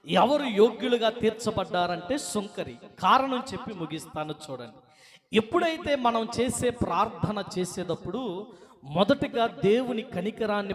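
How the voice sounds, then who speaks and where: Man, pastor, high-pitched voice, lively sermon, calls out to the congregation, bursts of near shouting. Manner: animated, questions the congregation and urges them to respond; raises his voice to near shouting on key points. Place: church with a live congregation.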